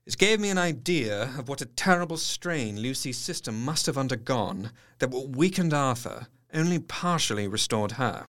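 An actor playing an earnest, observant male doctor narrating his diary in an audio drama, articulate and measured. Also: mid-range voice, animated, fairly bright tone, lightly acted. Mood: grave, observant. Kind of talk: scripted first-person narration, audio drama.

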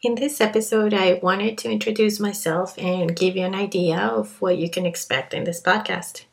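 A Colombian woman in her thirties hosts a podcast, sharing her own story in a personal monologue with a Colombian accent. Her medium-pitched, creaky voice has fairly even intonation and a moderate pace, and she sounds earnest and confiding, with fillers and restarts, on a podcast microphone.

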